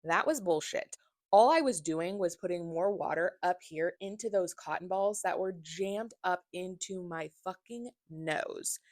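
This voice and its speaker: A young woman speaks to her viewers in a casual vlog style. Her voice sits on the low side and is captured dry, with very little room sound. She is candid and blunt in how she puts things. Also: unhurried, darkish tone, no room sound. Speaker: vlogger.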